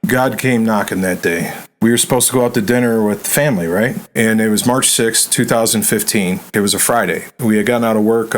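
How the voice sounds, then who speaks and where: A man's voice: lowish voice, poor audio. A middle-aged man telling his personal recovery testimony in a sit-down interview, acting out the dialogue and dropping "right?" and "man" as he goes. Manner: storytelling, acts out quoted dialogue, fillers like "right?" and "man". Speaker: podcast guest.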